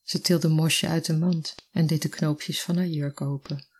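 A storyteller reading a literary story aloud in a calm, measured way. The voice is husky and a little breathy. Its pitch sits in the middle range. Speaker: narrator. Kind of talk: scripted narration of a literary story.

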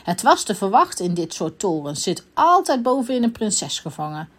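A woman reading a children's story aloud in a playful, expressive way. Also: medium pitch, moderate pace, breathy edge.

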